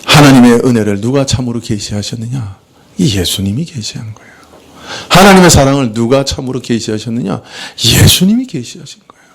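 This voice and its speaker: A man's voice: medium pitch, animated, brisk, gravelly. A man preaching a sermon as pastor, asking rhetorical questions and answering them himself, acting out quoted speech. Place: church.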